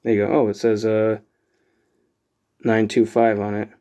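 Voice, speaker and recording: A channel host unboxes items and chats casually in a lowish, unhurried voice. He's relaxed and rambling, filling his talk with lots of fillers.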